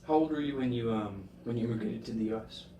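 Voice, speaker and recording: A man's voice: mid-range voice, quick pace, dark tone, echoey room, far from the mic, dull audio, a little hiss or hum. A man interviewing a guest with brief, plain questions.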